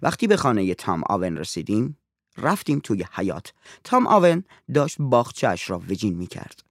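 A man narrating a story in an expressive reading voice. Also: fairly low pitch, no room sound, clean studio sound.

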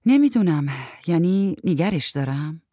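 A woman reading a story aloud, voicing a sarcastic, blunt young woman who talks in sharp, mocking retorts. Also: lowish voice, lively intonation, no echo, studio quality.

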